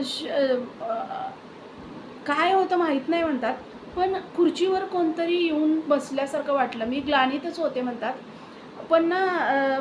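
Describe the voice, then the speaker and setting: A woman casually retelling a devotee's spiritual experience, with hesitant pauses and fillers. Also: sits high, a little mellow. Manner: hesitant, many fillers and restarts. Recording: roomy echo with faint background hiss.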